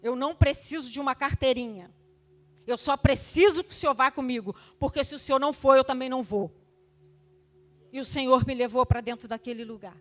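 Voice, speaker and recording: An older woman giving an emotional testimony at a church service, fervent, moving between loud exhortation and hushed tones. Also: high-pitched, a little fast.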